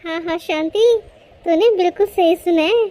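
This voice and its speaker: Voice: very high voice, moderate pace, dark tone. A voice actor playing a greedy, domineering middle-aged mother-in-law in a cartoon, scolding and boasting sharply. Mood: gloating.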